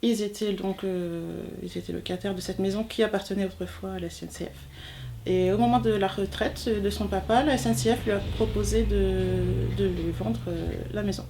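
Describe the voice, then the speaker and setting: A textile artist in her forties from southern Manche in Normandy, France, tells a personal story informally in an interview, often hunting for words. Her mid-range, mellow voice keeps a fairly even intonation at a moderate pace, with slight background noise.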